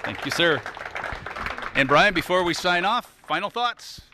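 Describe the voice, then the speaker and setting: A man's voice: high-pitched, animated, a loud crowd, very noisy. A man hosting a televised bowling tournament, interviewing players and presenting trophies with an upbeat manner. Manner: upbeat, quick to laugh. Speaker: TV sports host.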